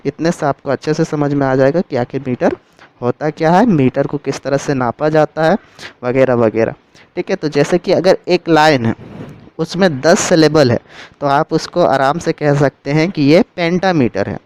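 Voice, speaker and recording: Man explaining a lesson, clear crisp voice. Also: a little high, moderate pace, poor audio. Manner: steady explanatory, repeats and rephrases terms. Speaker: literature teacher. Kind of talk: explaining a lesson in Hindi with English terms.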